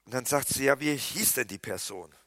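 Bright, dry-sounding preaching pastor, a man. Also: medium pitch, brisk, dry recording. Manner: animated preaching, swinging from loud emphatic lines to hushed quiet ones. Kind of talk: sermon.

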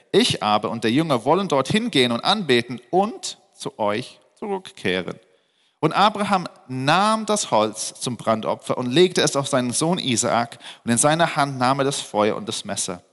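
A man's voice: mid-range voice, fairly bright tone, long reverb tail. A man preaching a sermon, mixing scripture reading with emphatic explanation and rhetorical questions to his listeners. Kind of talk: sermon, Bible teaching.

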